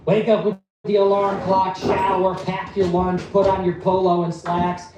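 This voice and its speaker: A man's voice: sits high, completely flat delivery, moderate pace. A man hosting a livestream, talking in a blunt, sarcastic, rambling monologue. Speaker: livestream host. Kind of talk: casual ranting monologue. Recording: echoey, distant, noisy room.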